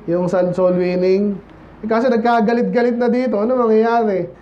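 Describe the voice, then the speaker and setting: A man's voice: sits high, fairly even intonation, moderate pace, highs cut off. A man preaching a casual, conversational sermon as pastor, often asking the congregation "right?" and "amen?". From Philippines. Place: church.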